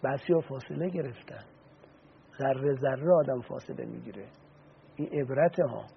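A man's voice: medium pitch, vocal fry, a little hiss or hum. A man giving an earnest religious talk on the radio, retelling stories and explaining Arabic sayings. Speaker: religious speaker. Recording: tinny phone-like radio sound.

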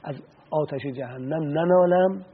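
Husky, slightly high-voiced man, radio religious speaker, tinny phone-like sound. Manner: earnest storytelling, quoting and explaining Arabic sayings.

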